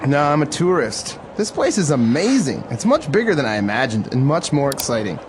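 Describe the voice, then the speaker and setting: A man's voice: mid-range voice, big pitch swings, fairly quick, lightly acted. A man playing a friendly, chatty tourist in a scripted textbook dialogue, with traffic noise behind him. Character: friendly male tourist on a bus. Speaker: dialogue actor. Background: vehicle and street noise.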